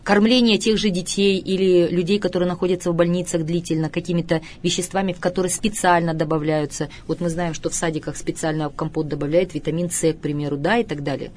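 A middle-aged woman with a fairly low voice talks as a studio guest expert. She lectures with firm emphasis and stretches out the words she wants to stress. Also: fairly even intonation, fast, hardly any pauses, a little mellow, slight background noise. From Russia. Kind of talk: studio talk show interview.

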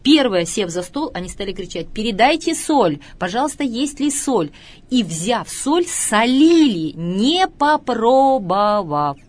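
A middle-aged woman speaking as an expert guest, lecturing emphatically and slowing down to stress her points. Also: mid-range voice. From Russia. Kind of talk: studio talk show interview.

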